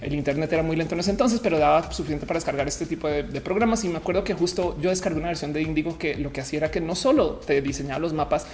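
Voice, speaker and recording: A woman hosting a casual livestream in a rambling, playful way, her diction slowed as she recovers from having her wisdom teeth out. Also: sits low, a little mellow, faint music behind. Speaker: livestream show host. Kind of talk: casual livestream chat to viewers.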